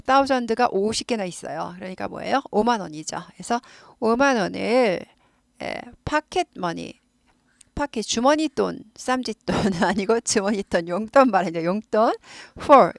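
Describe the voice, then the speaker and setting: A woman from South Korea, talking through an English lesson in a chatty way and repeating words slowly to model pronunciation. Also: medium pitch, vocal fry, no echo, studio quality. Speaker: English teacher. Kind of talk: casual explanatory lesson.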